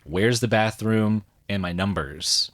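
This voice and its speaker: Man, lowish voice, casual podcast host, self-deprecating, lots of "like". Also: takes it slowly. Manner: self-deprecating, many "like" fillers.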